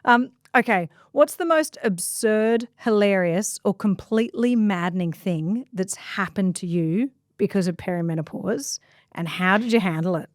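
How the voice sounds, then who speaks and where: A woman's voice: medium pitch, normal speed, no room sound, clean studio sound. A woman hosting a podcast, asking her guest questions in an easygoing, chatty interview. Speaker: podcast host. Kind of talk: casual interview.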